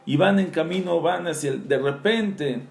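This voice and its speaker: A male rabbi giving a Torah lesson as animated storytelling, reciting Hebrew verses and then explaining them. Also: a little high, moderate pace, gravelly, roomy sound.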